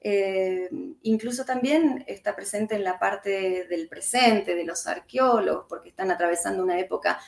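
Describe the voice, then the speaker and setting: Argentine woman with a gravelly voice. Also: medium pitch, normal speed, roomy sound. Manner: reflective, thoughtful, with hesitations. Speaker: author and historian. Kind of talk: interview conversation.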